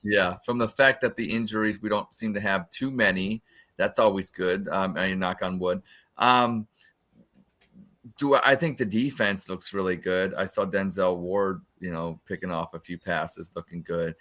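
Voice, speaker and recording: A man co-hosting a casual sports show, hesitant and restarting, in what he calls a monotone voice. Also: low voice, moderate pace. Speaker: sports podcast co-host.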